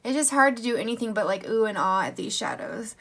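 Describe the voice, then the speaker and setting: A woman's voice: mid-range voice, expressive, fast, vocal fry, a bit bright, slight background noise. A woman beauty vlogger giving a chatty makeup tutorial in a gushing, bubbly way with casual asides.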